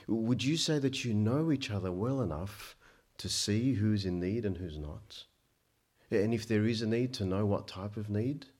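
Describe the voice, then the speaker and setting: A man born in Egypt preaching a sermon. He speaks emphatically, climbs to loud peaks and drops low, and often stammers into restarts.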